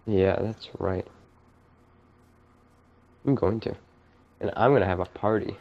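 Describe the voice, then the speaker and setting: A man's voice: low voice, a little slow, highs cut off. A man chatting casually while playing a game, teasing his friends with jokey banter. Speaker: let's play gamer. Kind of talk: casual gaming chat.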